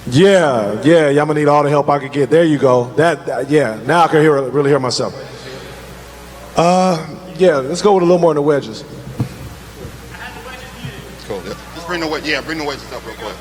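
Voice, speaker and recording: A man's voice: a little high, normal speed, long pauses. A man doing a casual soundcheck on a live stage mic, counting and calling out checks, with delay and echo added to his voice. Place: concert stage in a large hall. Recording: roomy hall with long reverb.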